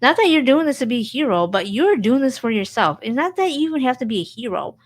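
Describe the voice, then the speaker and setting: A woman's voice: on the high side, very animated, fast. A woman hosting her own channel, talking earnestly about standing up for yourself and repeating her key phrases for emphasis. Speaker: channel host. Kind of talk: personal motivational vlog.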